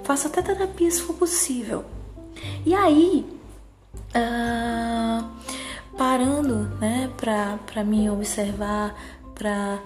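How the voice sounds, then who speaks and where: Casting: woman, higher-pitched cutesy soft voice, slow and gentle personal monologue, music underneath. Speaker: psychologist.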